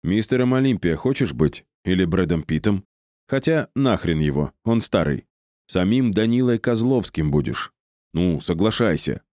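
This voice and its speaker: A man voicing a cheeky young office clerk who flatters and bargains. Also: lowish voice, dry recording, clean studio sound, voice pushed up, natural voice. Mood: wheedling. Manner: flattering, wheedling, quick to bargain.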